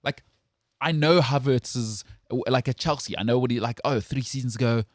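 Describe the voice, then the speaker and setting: A man's voice: medium pitch, moderate pace, no echo, studio quality. A South African man hosting a sports talk show, speaking in an opinionated, emphatic way with frequent restarts. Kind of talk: casual sports chat.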